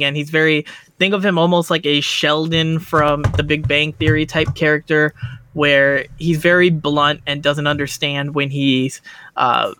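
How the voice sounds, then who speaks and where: A man's voice: a little high, clean tone, no echo. A man co-hosting a podcast in easygoing casual chat, often saying "like" as he talks. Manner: relaxed, easygoing, uses "like" often. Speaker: podcast co-host.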